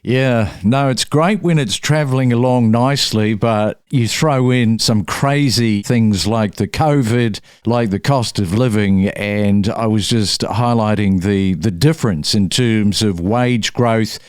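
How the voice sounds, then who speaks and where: A man hosting a property news podcast in a brisk, upbeat presenter style. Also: fairly low pitch, clean tone, dry recording, studio quality. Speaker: podcast host.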